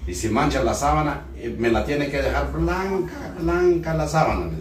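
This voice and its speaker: A man's voice: on the high side, lively intonation, moderate pace, a little hiss or hum. Man coaching a patient, roomy and distant. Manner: coaxing, repeats short commands. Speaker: folk healer treating a patient. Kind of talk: hands-on treatment session with explanations. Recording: roomy room, mic at a distance.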